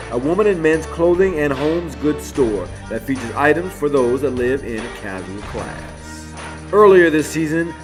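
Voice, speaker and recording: A man giving scripted, upbeat news narration as host of a local music show, speaking over a voice-over. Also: on the high side.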